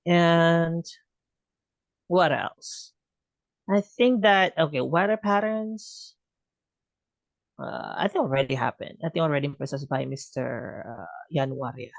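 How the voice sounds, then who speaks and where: A man's voice: fairly high pitch, animated, unhurried, gravelly, pauses often, dry recording. A man talking in a casual online group discussion, rambling with many "you know" fillers and joking asides. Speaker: discussion participant.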